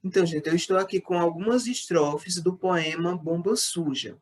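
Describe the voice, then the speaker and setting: A woman's voice: fairly low pitch, normal speed, darkish tone. A woman teacher with a Brazilian Portuguese accent, patiently explaining a lesson and counting syllables aloud. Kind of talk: online class lesson.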